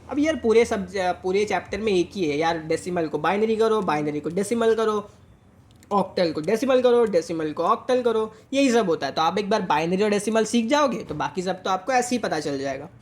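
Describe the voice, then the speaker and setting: A young man with an Indian English accent teaching a maths lesson, switching between Hindi and English and slowing down to dictate each working step. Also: high voice, expressive.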